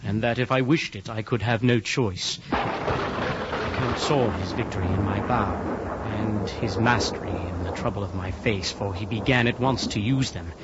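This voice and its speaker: A young adult man with a fairly low, natural voice, speaking at normal speed, narrates a radio drama as its lead: a nervous young clerk held prisoner. His grave, earnest delivery grows more fearful as it goes. The dull lo-fi recording is very noisy, with music playing behind him.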